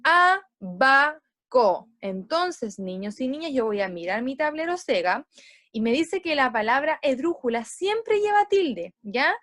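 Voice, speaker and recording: A woman teaching young children, explaining step by step and drawing out syllables slowly as she models words. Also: high-pitched, big pitch swings, no echo, studio quality. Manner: slow, stressed syllables when modeling words. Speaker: primary school teacher.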